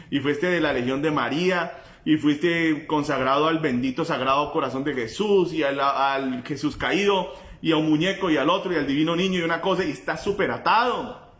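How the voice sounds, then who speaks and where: Impassioned pastor preaching. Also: male voice, roomy sound. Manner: impassioned, swings between loud cries and low intensity. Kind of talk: sermon.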